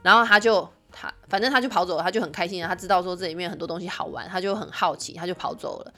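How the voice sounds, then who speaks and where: A woman's voice: fairly low pitch, racing, pushed and bright. A woman in her thirties hosting a podcast, chatting casually with lots of filler words. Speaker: podcast host.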